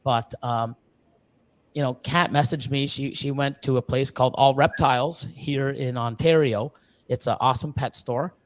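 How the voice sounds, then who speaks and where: A man with a mid-range voice and steady tone, speaking at a moderate pace, guests on a casual live-stream chat. He breeds ball pythons and rambles about reptile breeding from an Ontario facility, with lots of fillers, restarts and casual swearing here and there.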